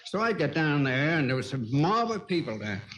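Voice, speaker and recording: Older man, Danish accent, slightly high voice, chuckling storyteller, talk-show guest. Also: sing-song, fairly bright tone, a little hiss or hum, low-quality recording. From Denmark. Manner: chuckling, unhurried anecdotes. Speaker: guest painter.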